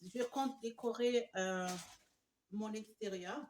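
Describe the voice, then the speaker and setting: A woman, gushing excitedly through a casual home decor haul with many fillers. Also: medium pitch, slow pace, slight background noise. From Canada. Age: 20s. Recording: echoey room, mic at a distance.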